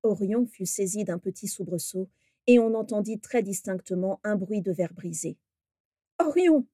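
A woman calmly narrating a fantasy story in a measured reading. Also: medium pitch, no room sound, clean studio sound. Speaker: reader of a fan story.

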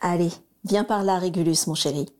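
Woman reading as a warm, coaxing mother. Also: lowish voice, normal speed, lightly acted. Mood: cheerful coaxing. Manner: gentle, affectionate, coaxing.

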